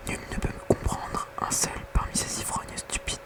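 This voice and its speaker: A very quiet, night-time whisper reading poetry softly in an ASMR bedtime style. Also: moderate pace. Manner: hushed bedtime reading with casual whispered asides. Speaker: ASMR reader.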